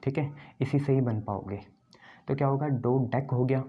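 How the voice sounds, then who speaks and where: A man's voice: mid-range voice, moderate pace, highs cut off. A man teaching a chemistry lesson, quizzing his students and repeating the key terms. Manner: quizzes students, answers his own questions.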